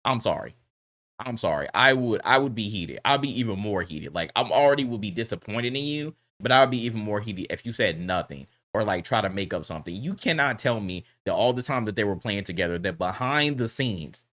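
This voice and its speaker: Male reaction host, casual and heated, blunt slang, lowish voice. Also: expressive, a little fast, hardly any pauses, fairly bright tone.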